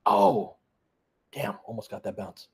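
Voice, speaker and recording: A husky-voiced man with a fairly low pitch takes it slowly while doing casual basketball commentary as a fan livestream host. He talks off the cuff in short, clipped bursts, chatting with listeners.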